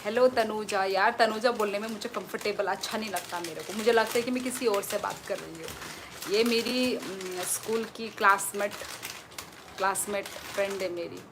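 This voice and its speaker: A woman's voice: medium pitch, moderate pace. A woman hosting a casual phone livestream, reading out viewers' comments and answering them in a chatty way. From Tripura, India. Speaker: live streamer. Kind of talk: casual live-stream chat. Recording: phone livestream with clear background noise.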